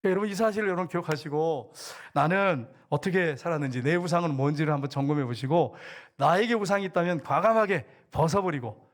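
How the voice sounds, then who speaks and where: A middle-aged man preaching a sermon as pastor, in a lively, conversational style that acts out little quotes. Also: on the high side, fast.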